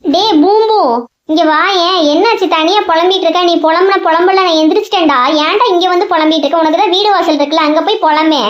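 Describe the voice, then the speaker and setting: Someone doing a shrill bossy cartoon spirit lady, tamil accent, lectures a lot, echoey lo-fi. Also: fast. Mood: scolding. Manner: scolding, lecturing. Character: bossy female spirit friend, scolding and warning. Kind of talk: cartoon voice acting. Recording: roomy, dull lo-fi sound.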